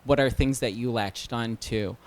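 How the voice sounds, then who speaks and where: A man's voice: mid-range voice, unhurried. Hesitant man asking a question. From Detroit, United States. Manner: hesitant, many ums and uhs. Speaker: audience member asking a question. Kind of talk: question from the floor at a reading.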